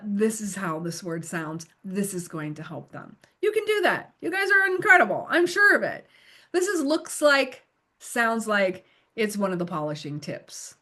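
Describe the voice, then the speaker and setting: A middle-aged woman running a recorded training lesson for volunteer literacy tutors, encouraging and animated, acting out how learners react. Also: a little high.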